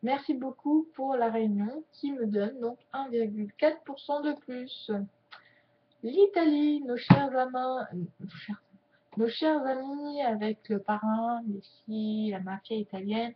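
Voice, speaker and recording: A woman with a fairly high voice chats casually to her viewers, joking as she goes. She slows her words at times while she signs. The recording sounds dull and lo-fi. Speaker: YouTuber teaching sign language. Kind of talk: casual chat to camera.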